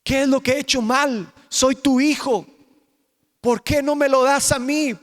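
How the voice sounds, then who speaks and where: A man's voice: very high-pitched, fairly even intonation, measured pace, pitched above the performer's own voice. A man voicing a grown son who begs his father through tears, in desperate, rising pleas. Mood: pleading. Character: young grown son, pleading and tearful. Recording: reverberant church hall.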